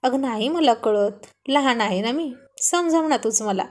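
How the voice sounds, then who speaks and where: A woman's voice: fairly high pitch, animated, a little slow. A woman voicing a teasing young husband. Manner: gentle playful teasing.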